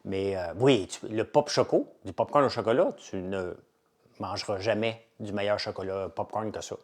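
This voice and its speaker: A middle-aged man with a Québécois French accent, casually chatting with viewers on a live stream and enthusiastically pitching his products. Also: moderate pace. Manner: chatty, enthusiastic salesman, lively and animated. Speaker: entrepreneur hosting a live chat.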